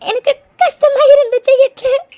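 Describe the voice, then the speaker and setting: Woman voicing a very high, tearful young wife. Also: steady tone, warm tone, a little hiss or hum. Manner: sobbing, halting speech. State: crying. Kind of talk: cartoon voice acting.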